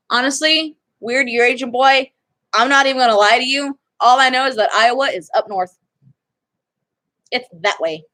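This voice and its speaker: Chatty woman, slightly high voice. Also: sharp tone. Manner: chatty, rambling, self-interrupting. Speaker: vlogger. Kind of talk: casual chat.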